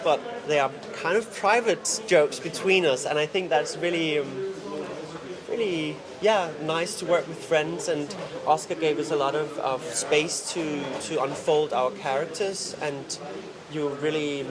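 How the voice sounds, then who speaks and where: A man's voice: on the high side, a little slow. Hesitant man, crowd behind. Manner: searching for words, hesitant. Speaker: actor. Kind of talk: interview at a film festival.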